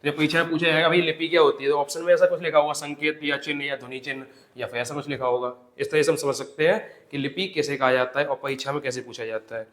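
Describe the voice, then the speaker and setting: A man teaching a Hindi grammar lesson for exam preparation, explaining step by step, repeating definitions, asking the class rhetorical questions and drawing out example words slowly. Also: fairly high pitch, fairly even intonation, fairly bright tone. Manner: addresses students as "bhai". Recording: echoey classroom sound.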